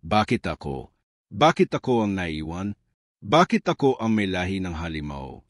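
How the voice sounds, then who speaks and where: A man's voice: sits low, very animated, normal speed, no room sound, clean studio sound. A man voicing a troubled young village man, anguished and fearful of his own blood, in a spoken horror story.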